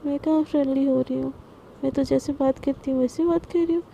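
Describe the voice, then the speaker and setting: A prickly, stern young lady boss, voiced by a woman narrating. Her voice is high and gravelly with a dark, mellow tone and flat, clipped delivery, a faint hum behind it. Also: fairly quick. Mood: snappish. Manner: snappish, dismissive.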